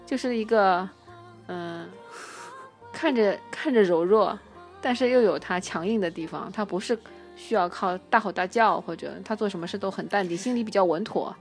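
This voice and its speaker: A woman in a relaxed, opinionated podcast chat, talking at a middling pitch with easy confidence. She chuckles as she stands by her opinions, and faint music sits under the talk. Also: normal speed. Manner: relaxed, opinionated, laughs while defending her view. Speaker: podcast co-host. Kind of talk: casual chat about a TV drama.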